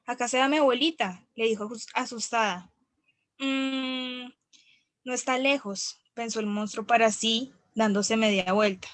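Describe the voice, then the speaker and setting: A woman's voice: fairly high pitch, fairly even intonation, a little fast, hardly any pauses, no room sound. Woman reading practice texts. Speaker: student.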